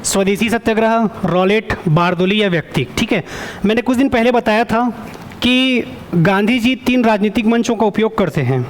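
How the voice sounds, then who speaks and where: A male teacher giving an online exam-prep lecture. He keeps quizzing the students for answers, often stops to check with a quick "okay", and corrects himself as he goes. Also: sits high.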